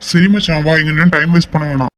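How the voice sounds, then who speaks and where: A man's voice: a little high, fairly even intonation, quick pace, fairly bright tone, lightly acted. A man voicing a worried young man in a cartoon, anxiously asking what happened. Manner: anxious, questioning. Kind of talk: cartoon voice acting.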